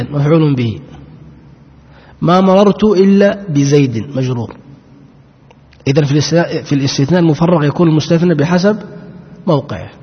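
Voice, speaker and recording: A male teacher gives a grammar lesson in a husky, slightly breathy voice. He poses questions and answers them himself, stretching out each example phrase. The recording is muffled and lo-fi, with a long echo trailing through a large hall. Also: on the high side. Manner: asks and answers his own questions, drawls out example sentences.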